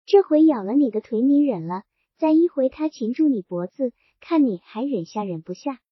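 Brief: smug, scheming male township boss, needling then threatening, read by a woman in a high, husky voice. Lo-fi storybook audio. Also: animated, moderate pace, dry recording. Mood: sly, menacing. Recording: dull lo-fi recording.

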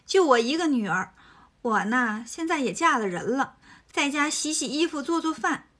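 A woman's voice: sits high, expressive, normal speed, fairly bright tone. A woman voicing a sly female demon posing as a sweet young wife, coaxing and sugary.

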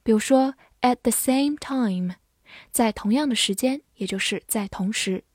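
A woman teaching English vocabulary, spelling words letter by letter and modelling slow repetitions. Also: on the high side, darkish tone, dry recording, studio quality. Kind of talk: vocabulary lesson, spelling and slow read-alouds.

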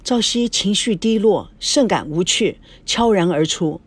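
A woman's voice: medium pitch, animated, a little slow, breathy edge, no echo. A woman narrating a novel as an audiobook, reading every part herself. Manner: plain storytelling, reads every part herself.

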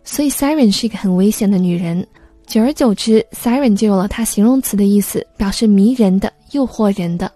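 A woman's voice: medium pitch, brisk, dark tone, no room sound, faint music behind. A woman explaining English vocabulary word by word in a patient, step-by-step lesson. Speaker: English teacher.

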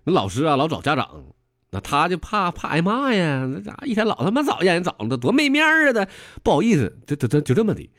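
A man's voice: fairly high pitch, wildly swooping pitch, quick pace, fairly bright tone, no echo, studio quality. A man with a Northeastern Mandarin accent hosting a comedy podcast, telling jokes in a rowdy, mock-lecturing way and laughing at his own punchlines. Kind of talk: comic storytelling in dialect.

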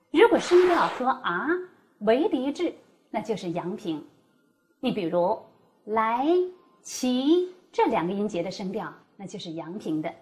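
A woman explaining Mandarin tones as a teacher, demonstrating each tone with exaggerated pitch. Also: darkish tone. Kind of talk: scripted teaching dialogue.

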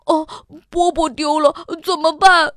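A woman voicing an eager, excitable young boy in a children's storybook reading, with a high, bouncy, exclaiming manner. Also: unhurried, dry recording, clean studio sound. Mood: worried.

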